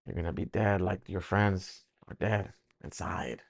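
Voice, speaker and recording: A man telling his personal faith testimony, emotional and halting, often repeating words as he speaks. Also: deep voice, vocal fry, no room sound.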